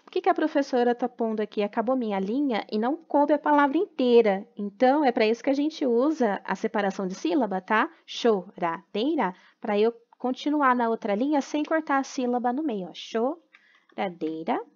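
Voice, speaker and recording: A woman's voice: fairly high pitch, brisk, few pauses, a little mellow, muffled recording. A woman teacher with a Brazilian Portuguese accent, patiently explaining a writing lesson to young children step by step, checking in with short tag questions. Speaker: primary school teacher. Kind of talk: remote class lesson.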